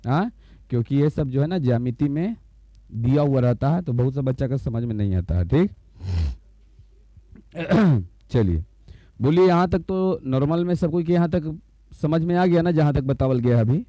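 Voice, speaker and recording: In a dull, lo-fi recording without echo, a male teacher gives a slow blackboard explanation in a maths class. His voice is on the high side, dark in tone and animated, at a normal speed with frequent pauses, and he repeats every term while asking the class again and again if they've understood.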